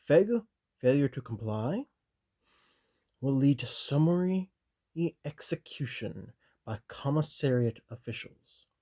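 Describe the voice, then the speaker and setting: A stern, loyal commissar, as a man puts him on, reads an army handbook in whispered role-play. His low, mellow voice is soft and breathy, measured and officious, with dry little asides between the passages. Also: big pitch swings, exaggerated voice. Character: stern loyal male commissar reading aloud.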